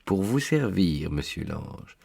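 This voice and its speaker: A man's voice: low voice, sing-song, slow pace, gravelly, darkish tone, breathy edge, full character voice. A man voicing an anxious village priest, pleading and exclaiming in dismay.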